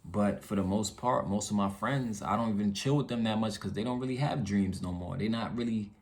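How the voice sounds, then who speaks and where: His voice is lowish and a little mellow, and he talks a little fast. As a YouTube vlogger, he vents earnestly to viewers in slangy, candid terms, repeating phrases for emphasis with frequent check-in tags.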